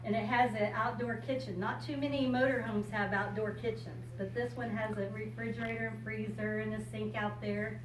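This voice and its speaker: An American woman in her sixties or older, a storyteller and RV enthusiast visiting children, chats informally and reads picture books to young kids, explaining things simply. Her fairly high voice stays level, at a moderate pace with few pauses. The recording has an echoey room, a distant mic and loud background noise.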